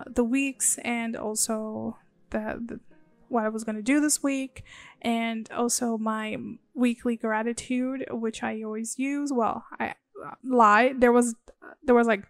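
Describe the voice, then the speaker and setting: Chatty woman with a groggy voice. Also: a little high. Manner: chatty, rambling, giggly. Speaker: bullet journal creator. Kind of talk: casual voice-over while drawing. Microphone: phone.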